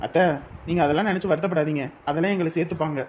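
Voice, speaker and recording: An actor playing an earnest young groom who pleads and reassures in a soft voice. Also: male voice, a little high, steady tone, very fast, slight background noise, natural voice. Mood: reassuring. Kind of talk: TV drama acting.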